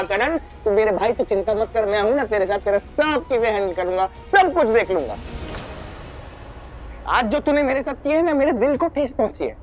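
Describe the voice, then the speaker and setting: A hurt, scolding elder brother. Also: male voice, sits high. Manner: emotional scolding, pleading then shouting.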